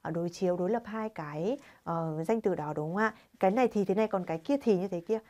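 A woman's voice: fairly low pitch, fast talker, darkish tone. A woman teaching a Korean grammar lesson to learners, constantly quizzing viewers with rhetorical questions.

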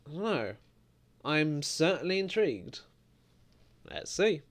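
A young British man giving casual, excitable reaction commentary on game trailers, swearing freely. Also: on the high side, slow. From Britain. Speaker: gaming video host.

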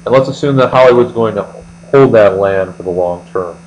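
On a muffled recording with a steady mains hum, an American man speaks fairly quickly in a voice on the low side. He's an accounting tutor working step by step through an explanatory lecture, voicing over a screen recording indoors.

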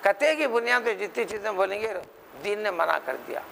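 Emphatic, gravelly man preaching. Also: high-pitched, a little fast, bright, forceful tone, a little hiss or hum, rough recording. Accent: Hyderabadi. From India. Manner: rhetorical, mimics others in quotes, emphatic questions. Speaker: Quran scholar. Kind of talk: religious lecture.

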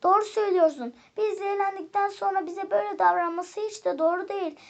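A woman's voice: very high-pitched, steady tone, fast talker, voice pushed up. A woman voicing a blue toy rabbit in a storybook, agreeing earnestly.

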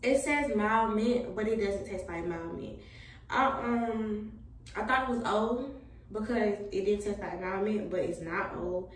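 A woman's voice: medium pitch, measured pace, echoey room, far from the mic, slight background noise, poor audio. A young woman vlogging at home in a casual, chatty way, tired and a little out of breath. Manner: laid-back, chatty, Southern US slang. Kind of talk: casual chat to camera.

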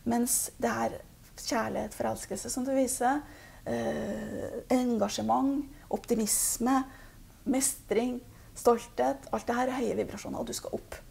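A woman gives a spiritual reading in a calm, halting way. Her voice is very gravelly and husky, with a dark, mellow tone and a slightly high pitch. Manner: calm, halting, with many fillers. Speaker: intuitive reader.

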